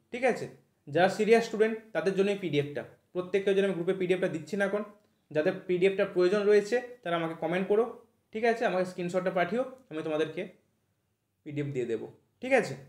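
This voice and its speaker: A male English teacher preparing students for exams gives an online vocabulary lesson in a quick, high voice, with a roomy echo. He asks "thik ache?" after nearly every point and spells words out slowly.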